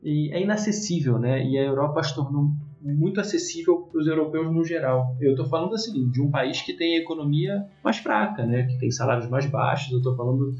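A man, telling stories in a casual chat with a lively, filler-heavy delivery. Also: brisk, hardly any pauses, roomy sound, dull audio, faint music behind. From Brazil. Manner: animated storyteller, swings in pitch, many fillers.

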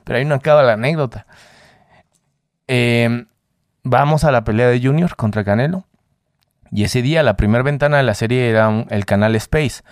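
A man in his forties, an actor, telling lively anecdotes in a casual interview. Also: normal speed, pauses often, no room sound, studio quality. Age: 40s. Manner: animated anecdotes, mimics others with a higher voice. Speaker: actor guest.

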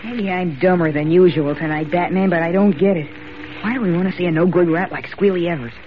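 An actor playing a young wisecracking, doubtful sidekick in 1940s radio drama, slangy and boyish. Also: male voice, high voice, brisk, lightly acted. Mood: doubtful, nervy. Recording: dull, noisy 1940s radio recording.

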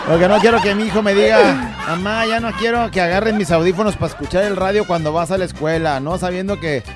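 Joking Mexican radio co-host. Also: male voice, sits high, fast talker, over loud music. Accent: Mexican Spanish. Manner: playful, acts out quoted kids, laughs often.

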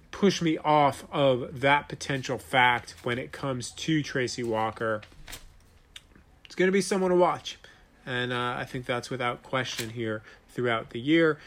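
A man in his late thirties runs a solo sports podcast, giving commentary and reading his own ads. He talks conversationally but with emphasis, repeating points to drive them home. His voice is mid-range with a fairly bright tone.

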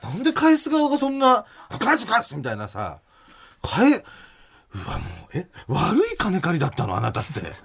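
A man co-hosting comedy radio in a studio, talking with a very lively, swooping pitch that sits a little high for a man. He plays up mock indignation in loud theatrical bursts, then drops into plain announcements. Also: moderate pace, vocal fry, slightly rough.

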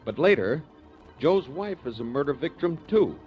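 A man announcing and recapping a 1940s radio drama in a measured announcer's delivery, heard as an old radio broadcast. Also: on the high side, big pitch swings, faint music behind. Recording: dull lo-fi vintage radio broadcast.

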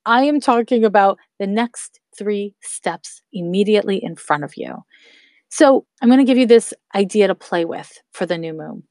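This woman in her thirties, a podcast host, has a medium-pitched, darkish voice with lively intonation at a moderate pace. She shares laid-back spiritual advice and uplifts the listeners she calls her loves, recorded dry and close with no echo.

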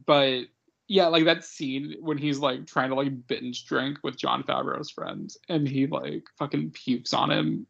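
A man's voice: mid-range voice, measured pace, creaky, a bit bright, muffled recording. A man co-hosting a podcast, talking enthusiastically with lots of laughter and casual swearing. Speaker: podcast co-host. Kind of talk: casual chat.

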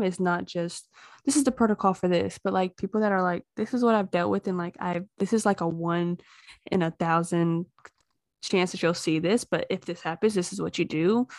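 A woman's voice: on the low side, creaky, no room sound, clean studio sound. A woman, a mother of two and the guest, chatting casually in a rambling, storytelling way. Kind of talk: casual chat.

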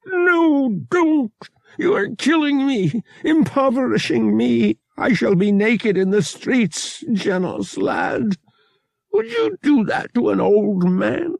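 A man's voice: very high-pitched, lively intonation, slow, creaky, no echo, pitched above the performer's own voice, exaggerated voice. A man voicing a fussy, dramatic old male antiques dealer who speaks in a pompous, theatrical way. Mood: anguished. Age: older.

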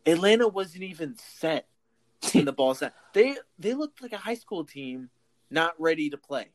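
A man co-hosting a casual sports podcast, opinionated and teasing with quick remarks. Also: a little high, very animated. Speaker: podcast co-host.

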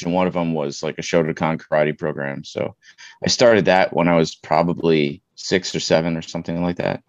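A man's voice: low-pitched, no room sound. A middle-aged man from Queens speaks. He talks in an informal, plain-spoken way as an interview guest. The sound is dry and a little dull. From Queens, New York. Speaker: interview guest, martial arts coach. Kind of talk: casual interview conversation.

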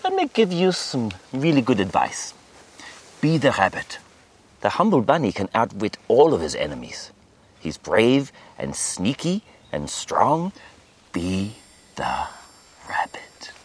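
An actor playing a goofy, theatrical imaginary dictator friend in a film, giving a mock-grand pep talk. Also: male voice, on the low side, huge pitch swings, slow pace, husky, heavily acted. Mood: playful pep talk. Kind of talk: film dialogue.

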